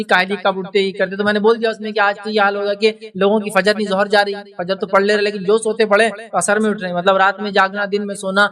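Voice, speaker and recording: A man with a high voice delivers a storytelling sermon, acting out the people he quotes. He slows down for recited verses. He sounds a little distant from the microphone. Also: bright, forceful tone. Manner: recites Arabic verses slowly. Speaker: Islamic preacher.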